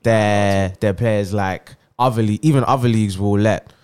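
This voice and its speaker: Man, lowish pitch, clear smooth voice, casual football podcast talk. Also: fairly even intonation, moderate pace, darkish tone.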